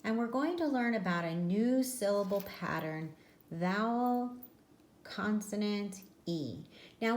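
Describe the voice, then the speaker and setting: A woman teaching a phonics lesson to young children, speaking slowly, clearly and patiently. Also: mid-range voice, darkish tone. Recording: echoey room.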